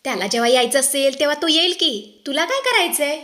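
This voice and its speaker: A sneering, jealous young woman from a TV serial, scolding and mocking in a high voice, as a woman storyteller puts her on. She taunts with every line. The voice sits fairly high. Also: fairly quick, a bit bright, lightly acted. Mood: taunting.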